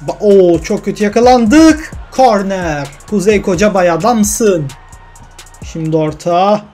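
A young man with a high voice commentates his football video game into a desk mic, swinging from calm narration to excited shouts and frustrated grumbling. Faint game music runs quietly underneath. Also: slow pace. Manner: emotional, swings from calm commentary to yelling at goals and cursing misses. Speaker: gaming YouTuber.

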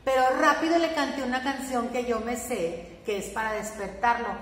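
A woman with a Mexican accent teaching preschoolers, singing and talking to them in an animated sing-song way. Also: a little high, normal speed, a little hiss or hum. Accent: Mexican Spanish. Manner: animated sing-song, speaking to small children. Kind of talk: singing lesson for young children. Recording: echoey room, long reverb, faint ambience.

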